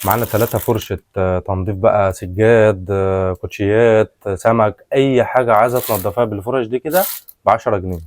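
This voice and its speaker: Man, Egyptian accent, rapid casual sales patter, repetitive product walkthrough, clearly noisy recording with crinkling and clicks. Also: fairly low pitch, steady tone, a little mellow. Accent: Egyptian Arabic. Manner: repetitive, colloquial patter addressing customers. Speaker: shop seller, product presenter. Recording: clearly noisy, rustling and clicking handling sounds.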